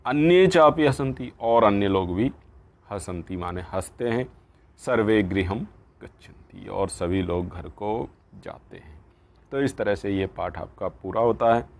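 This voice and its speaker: A Sanskrit teacher with a low, gravelly, slightly mellow voice works through a textbook lesson. He goes slowly, reading Sanskrit lines aloud and then explaining each word in Hindi.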